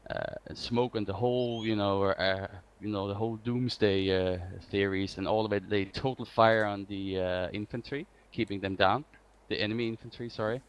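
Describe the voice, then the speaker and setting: A man's voice: fairly low pitch, steady tone, normal speed, few pauses. A man giving an informal tactical briefing as an instructor, hesitating and repeating points for emphasis. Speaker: instructor of armored vehicle drills. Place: online game voice chat. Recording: faint noise with clicks.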